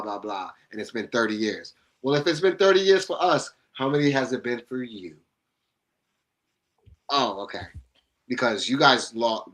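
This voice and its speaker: A man's voice: mid-range voice, a bit bright, poor audio. A young man co-hosting a sports podcast in casual chat, blunt and profane in his trash talk. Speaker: podcast co-host.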